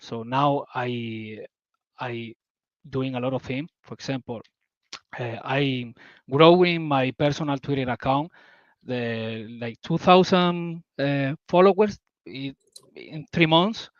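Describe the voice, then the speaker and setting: A native Spanish speaker from southern Spain, with a Spanish accent, talks casually as a guest on a community call, eagerly searching for English words. His voice is mid-range and slow, and the dry recording has its highs cut off.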